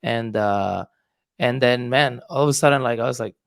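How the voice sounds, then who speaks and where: Guesting on a casual podcast interview, a man from Puerto Rico who invests in real estate talks with a Puerto Rican accent at normal speed in a creaky, mid-range voice. He sounds thoughtful and hesitant, with many fillers, and the clean studio sound carries no room tone.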